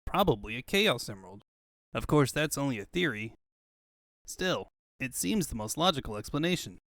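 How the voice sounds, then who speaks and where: A man's voice: mid-range voice, big pitch swings, normal speed, fairly bright tone, dry recording, clean studio sound. A man voicing a cocky young male hedgehog hero with quippy, breezy banter in a comic book fandub. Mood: breezy, wisecracking.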